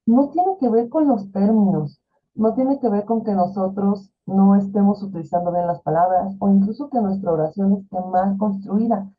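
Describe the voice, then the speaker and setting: Woman teacher giving a video call class, mid pitch, talky with lots of fillers, sounds like through a phone. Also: moderate pace, phone-quality sound. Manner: chatty, explains with fillers and rhetorical questions. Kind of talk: online class lecture.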